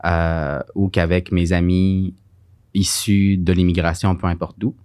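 A man's voice: low-pitched, level tone, measured pace, a little mellow, clear, resonant tone, no echo, clean studio sound. A man with a Quebec French accent, co-hosting a podcast and telling stories in a rambling, casual way with many fillers. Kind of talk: casual conversation.

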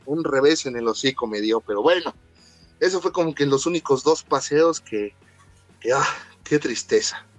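In casual, slang-filled talk, a Mexican-accented man recalls his childhood and animatedly acts out what others said. He speaks at medium pitch and a moderate pace, with no room sound and quiet music in the background.

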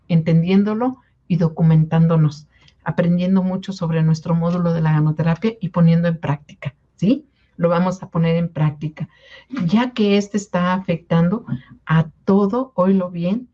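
A woman's voice: on the low side, normal speed, warm tone, muffled recording. A woman from Mexico giving an informal health talk to product distributors, coaxing them along and often checking in with a questioning "¿sí?". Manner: coaxing, repeats "¿sí?" to check in with listeners. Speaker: wellness product presenter.

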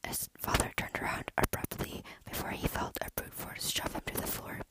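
A storyteller reading a dark horror story aloud in a steady, hushed whisper. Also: moderate pace.

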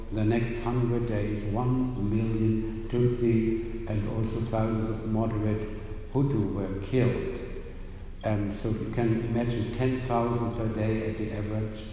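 A man's voice: lowish voice, flat delivery, measured pace, warm tone. Grave man in an echoey hall. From Germany. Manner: earnest, grave, emphatic. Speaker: speaker introducing the testimony. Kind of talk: explanatory talk to an audience. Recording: echoey hall with faint noise.

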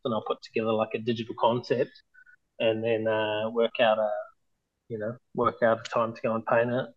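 A man's voice: medium pitch, lo-fi sound. A man in his thirties with a broad New Zealand accent, chatting casually as an interview guest in a laid-back, hesitant, informal way. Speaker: interview guest, mural artist.

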